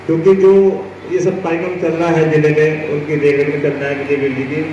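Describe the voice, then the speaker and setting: A man's voice: a little high, level tone, a little fast, darkish tone, dull audio. A man announcing the next speakers at a community meeting. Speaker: event announcer. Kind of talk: stage announcing. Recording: distant echoey PA sound, ambient noise.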